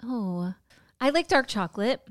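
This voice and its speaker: A middle-aged woman gushes and giggles through casual podcast chat. Her voice is high and leaps around in pitch. It sounds dry and close-miked. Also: measured pace, dry recording. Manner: giggly, gushing, excitable. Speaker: podcast co-host.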